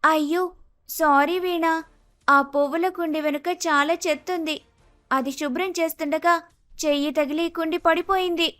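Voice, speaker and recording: A woman's voice: sits high, fairly even intonation, moderate pace, a bit bright. A woman voicing a meek young newlywed daughter-in-law in a cartoon story, pleading and apologetic.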